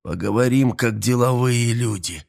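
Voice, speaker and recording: A man's voice: mid-range voice, moderate pace, gravelly, a little mellow, natural voice. Audiobook role: a hurt young man, read by a male narrator, strained and pained, urgent when he cries out. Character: beaten young man, loyal and hurting.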